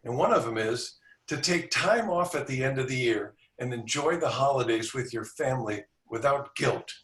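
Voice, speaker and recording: A man's voice: medium pitch, lively intonation, moderate pace, a bit bright. A man, a sales coach guest, giving confident, instructive advice on a video call from a room. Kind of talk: podcast interview. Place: indoor room with a back wall. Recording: roomy sound, distant from mic.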